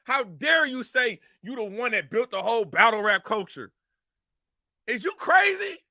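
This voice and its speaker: Man, heated rant, sharp bright tone, repetitive, confrontational. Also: high voice, moderate pace, no echo, studio quality. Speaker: commentary show host.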